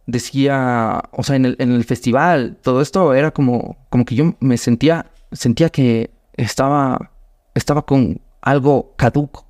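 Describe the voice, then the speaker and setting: A man's voice: medium pitch, moderate pace, a little mellow, no room sound. Young adult Ecuadorian man, comedian guest, loose rambling anecdotes with acted-out voices, dry close sound. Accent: Ecuadorian Spanish. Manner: rambling, restarts often, acts out quoted voices. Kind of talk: casual storytelling interview.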